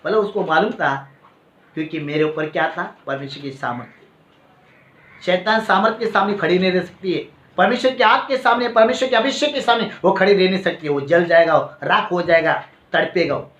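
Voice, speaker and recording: A man, preaching a sermon and telling a personal story in an animated way, often adding "है ना" and "Praise the Lord". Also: high-pitched, a little fast. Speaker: pastor. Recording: echoey, dull lo-fi hall recording.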